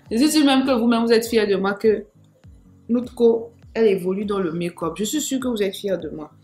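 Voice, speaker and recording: A woman's voice: medium pitch, fairly quick, warm tone, soft background music. A woman chatting through a makeup tutorial in a playful, self-mocking way, speaking straight to her viewers. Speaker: makeup vlogger.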